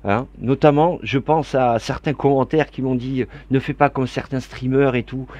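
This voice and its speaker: A man's voice: medium pitch, fairly even intonation, moderate pace, dry recording. Male board game YouTuber, loose chatty rules walkthrough, laughs a lot, wanders off topic. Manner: rambling, chatty, laughs often, many digressions; warm and grateful toward viewers. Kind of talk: casual rules explanation to camera.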